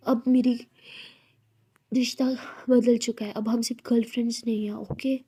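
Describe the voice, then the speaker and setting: A woman's voice: on the high side, little pitch movement, moderate pace, mellow, a little hiss or hum, lightly acted. A woman voicing a possessive, hot-tempered young woman in love who scolds and bosses her partner. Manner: bossy, scolding.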